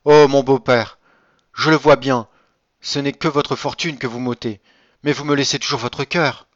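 A tender young woman pleads in a raised, higher voice, earnest and close to tears, as a male reader puts her on. The sound is dry and a little dull. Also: moderate pace, a bit bright, dry recording, lightly acted. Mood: pleading.

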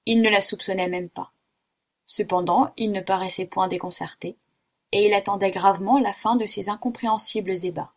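A woman narrating a classic adventure novel in a steady, even reading. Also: medium pitch, normal speed. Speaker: audiobook reader. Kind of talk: storybook narration.

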